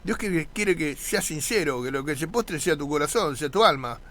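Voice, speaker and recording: A man preaching a sermon, earnest and conversational, with pauses and repeated phrases. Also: on the high side, animated, fairly bright tone.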